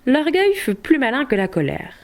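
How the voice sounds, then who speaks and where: Une femme qui lit à voix haute un récit de chevalerie, d'une voix assez aiguë. Sa lecture est posée, expressive et bien rythmée. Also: female voice, high-pitched. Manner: measured, expressive storytelling. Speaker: narrator. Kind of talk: audiobook narration of a medieval tale.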